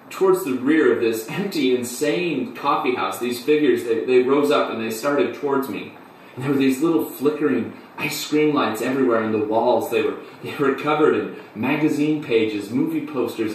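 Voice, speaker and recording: An actor playing a flamboyant man who tells his story in a halting, breathless theatrical monologue. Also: medium pitch, lightly acted. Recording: echoey room, distant mic, faint hum.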